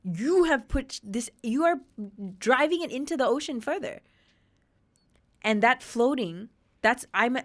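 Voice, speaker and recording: A woman in her thirties from Australia, guesting on a podcast, speaks openly about her own experiences in a voice on the high side. Her retellings are animated and full of emphasis.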